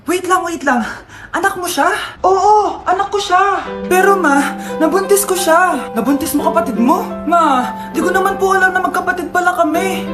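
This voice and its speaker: A woman performing short comic skits, switching between exaggerated character voices. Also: very high-pitched. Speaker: sketch performer playing many parts. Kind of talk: comedic skits, acting all roles. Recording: music playing behind the voice.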